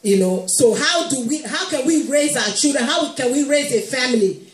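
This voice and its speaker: Woman preacher, high voice, playful, echoey church hall with faint music behind. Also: lively intonation, moderate pace. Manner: warm humorous preaching, playfully quoting moms, laughing. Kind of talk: sermon.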